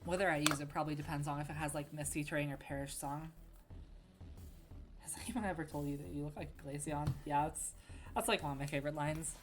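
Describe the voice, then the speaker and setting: A woman's voice: low-pitched, steady tone, fast talker, over music. A young woman, a game developer, chatting casually over her own playthrough and answering viewers' questions as she goes. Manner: chatty, wandering, answers chat. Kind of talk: casual let's-play commentary.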